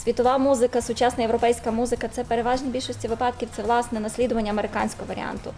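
Lady lecturer, formal, a bit high, quick with little "uh"s. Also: little pitch movement, a little mellow, faint music behind. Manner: measured, formal, with hesitations. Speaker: language lecturer. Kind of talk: studio interview.

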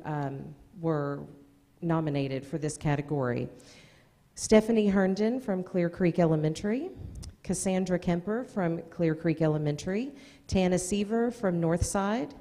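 Her voice is dark and fairly low as this middle-aged American woman, presenting for a school district, announces award nominees from a podium in an indoor meeting room. She reads the names with informal asides into a gooseneck microphone, and the hall's long reverb makes it echoey.

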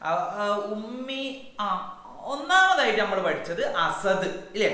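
A man's voice: high-pitched, sing-song, slow pace, pushed and bright, heavy reverb. A man teaching a playful exam revision lesson to young children, asking them many questions.

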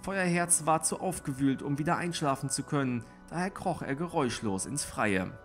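A man reading a novel aloud in a calm, steady storytelling manner. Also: on the high side, normal speed, soft background music. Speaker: audiobook reader.

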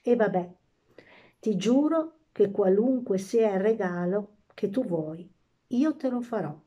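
A woman voicing an indulgent, sighing king father who speaks slowly and patiently. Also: mid-range voice, animated, highs cut off. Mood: indulgent, weary. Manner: slow, patient, soothing.

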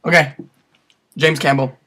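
A man's voice: on the high side, little pitch movement, measured pace, bright, forceful tone. A young man who jokes and giggles while making prank calls with a friend. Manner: giggly, joking. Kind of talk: casual chat with a friend.

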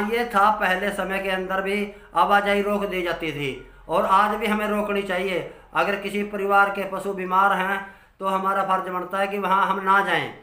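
Here a dairy farmer in his sixties, from India's Haryana region, talks through his advice using notes. There's little rise and fall in his bright, forceful voice. The sound echoes around the small, curtained home room he's speaking in.

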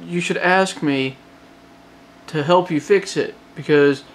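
A man with a gentle Southern drawl from Georgia, speaking a little high for a man. He rambles through a casual late-night update, restarting sentences and leaning on fillers, sounding tired. Faint noise sits behind his voice. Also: takes it slowly. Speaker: hobbyist phone modder.

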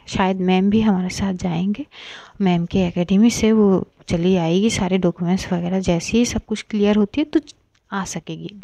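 A woman voicing Puja, a gentle young woman who is easily flustered, speaking softly in a story. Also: mid-range voice, vocal fry, dry recording.

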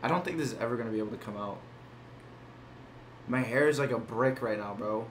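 A man's voice: mid-range voice, fairly quick. Teasing young man hosting a stream. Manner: teasing, reads out donations. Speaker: livestream host. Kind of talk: casual livestream banter. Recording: echoey room, faint noise.

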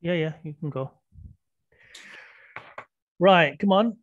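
Guy teaching english online, slow and patient, kinda dull call audio. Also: on the high side. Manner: patient, prompting students with questions. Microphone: video call.

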